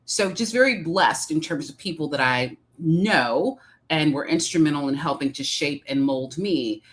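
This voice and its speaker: A middle-aged executive coach from Detroit, Michigan, speaks as a guest in an interview conversation, her Midwestern American accent carried by a low voice. She answers in a measured, reflective way and uses many um fillers.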